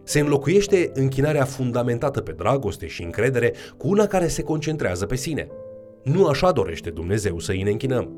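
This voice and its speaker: A man's voice: mid-range voice, big pitch swings, a little mellow, soft background music. A man giving a scripted Bible lesson, reading scripture with added emphasis. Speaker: Bible teacher.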